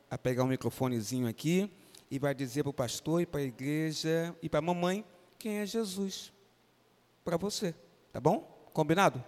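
A man's voice: fairly high pitch, a little mellow. A man with a Brazilian Portuguese accent, a pastor leading an interactive Bible lesson for children in a church and coaxing them by name to answer. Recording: reverberant church hall.

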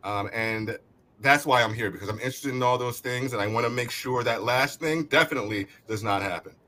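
Bright-voiced man speaking haltingly. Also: medium pitch. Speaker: panelist. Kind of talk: panel remarks.

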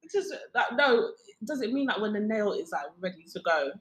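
A woman's voice: medium pitch, very animated, fairly quick, a bit bright. A British woman co-hosting a podcast in casual, slangy chat, tired from a sleepless night, laughing easily. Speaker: podcast co-host. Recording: echoey room.

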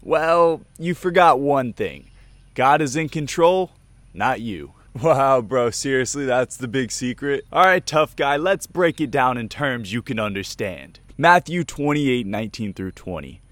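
A man hosting a Bible teaching show, delivering a scripted talk in an energetic, playful way with little dramatic skits. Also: medium pitch, unhurried, no echo.

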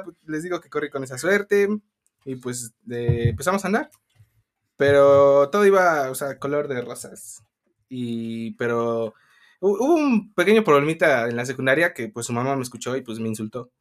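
A man's voice: medium pitch, expressive, normal speed. A young man telling a personal story to friends in casual chat, rambling with lots of fillers and laughter. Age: young adult.

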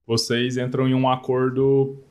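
A man's voice: medium pitch, completely flat delivery, unhurried. A man hosting a casual live chat, reading questions from the chat and reacting eagerly. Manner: eager, reacts with short exclamations. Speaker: host.

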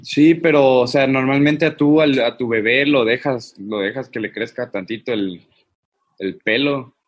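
Easygoing man, raspy voice, laughs easily in casual chat. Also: medium pitch, measured pace.

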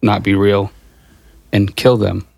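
Gravelly laid-back man joking around. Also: lowish voice, level tone, slow, a little mellow, no room sound. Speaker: podcast guest, tattoo artist and band member. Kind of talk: casual podcast chat.

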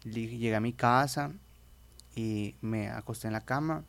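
A man's voice: medium pitch, unhurried, gravelly. A young Mexican man with a Spanish accent from Mexico, telling a personal faith testimony in a rambling, casual way with frequent restarts. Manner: rambling storyteller, many restarts, says "brother". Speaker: guest.

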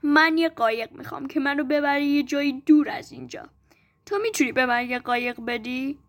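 A woman voicing a needy boy who grows into a tired old man, in a storybook reading, in a plain, slightly lowered voice. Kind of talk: storybook narration.

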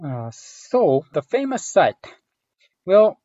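A man's voice: high-pitched, sing-song, slow, warm tone, dry recording, muffled recording. A man from Japan, a researcher answering interview questions in a hesitant, thinking-aloud way with many fillers. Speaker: guest researcher.

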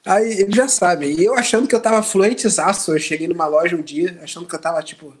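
Carioca man, podcast host, lively storyteller, casual banter, mimics others in a raised voice. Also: quick pace, breathy edge. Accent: Rio de Janeiro Portuguese. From Brazil. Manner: animated storyteller, acts out quotes in high voice. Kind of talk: casual chat.

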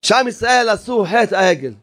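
A rabbi preaching a fervent sermon, repeating phrases and urging his listeners, sometimes shouting. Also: high voice, lively intonation. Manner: impassioned, repetitive exhortation, sometimes shouting.

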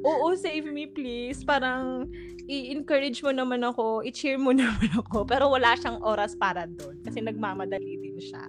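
A young woman recounts a story in casual chat. Her voice sits high, and she laughs often and acts out the lines of the people in it. Music plays clearly behind her. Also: normal speed. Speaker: guest telling a story.

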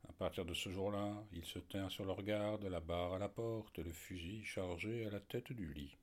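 A man narrating an audiobook in a measured storytelling manner. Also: low-pitched, fairly even intonation.

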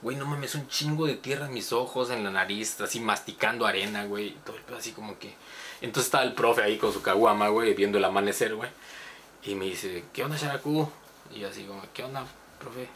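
Man, Mexican accent, casual storytelling, laughs and swears, bright voice. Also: on the low side, quick pace, slight background noise. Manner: animated, laughing, swears often. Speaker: podcast host.

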